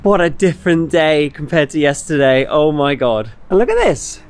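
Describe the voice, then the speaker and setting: A man's voice: fairly high pitch, sing-song, moderate pace, clean tone. A man narrating his motorbike travel vlog casually to camera, chatty and upbeat, calling viewers guys. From Britain. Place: outdoors and in a cafe, on the road in rainy weather.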